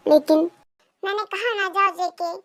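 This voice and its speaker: A woman reading a storybook, voicing a stubborn young husband who pleads loudly. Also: extremely high pitch, a little slow, full character voice. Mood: pleading. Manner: loud, whiny pleading. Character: playful, stubborn young man, loud husband.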